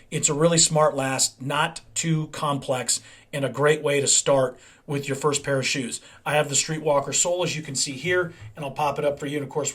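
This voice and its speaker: A man's voice: on the high side, a bit bright. A man talking enthusiastically and conversationally to camera in a review vlog. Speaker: menswear reviewer.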